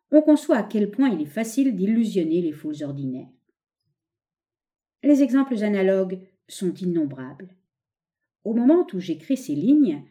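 A woman reading an essay aloud as scripted narration, expressive and leaning on key words. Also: medium pitch. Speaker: audiobook reader.

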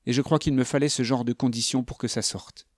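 A tired young woman hiker speaks candidly and gently, as a man reads her lines in a storybook. The voice stays close and dry, with no room sound around it. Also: mid-range voice, fairly even intonation, brisk, no room sound, lightly acted. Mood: reflective.

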